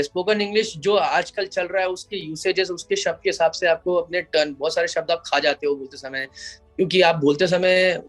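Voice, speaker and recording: This advocate and IP lawyer answers interview questions in an explanatory manner, mixing English phrases into his Hindi. His voice sits high and sounds a bit bright.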